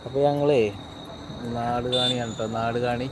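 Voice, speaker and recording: A man's voice: mid-range voice, flat delivery, moderate pace. A man with a Malabar Malayalam accent chatting informally and directly to viewers on a casual live stream. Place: outdoors at a roadside hill viewpoint. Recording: very noisy outdoor recording, insects, vehicles.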